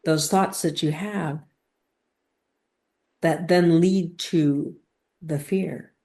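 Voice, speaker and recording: A woman guides a spiritual teaching session in slow, halting phrases, leaning on emphatic pauses and questions meant to lead her listeners. Her voice is low and dark, and her tone stays steady.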